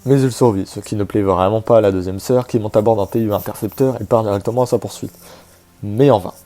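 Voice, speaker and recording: A man's voice: fairly low pitch, fast talker, warm tone. A man hosting a casual video, chatty and hesitant with many fillers and joking asides, over faint background music. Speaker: YouTube host presenting a game character.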